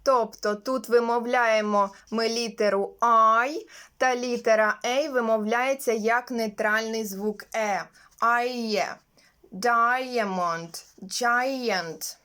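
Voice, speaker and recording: A woman teaching English phonetics, explaining each letter combination slowly and carefully and sounding out every example word. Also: fairly high pitch, steady tone, fairly bright tone, smooth. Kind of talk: slow instructional explanation.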